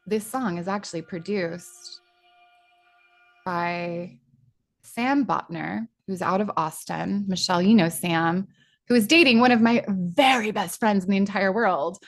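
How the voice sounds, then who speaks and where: Chatty woman running a spiritual workshop, rambly and excitable, mid pitch, on a video call. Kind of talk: informal spiritual teaching talk.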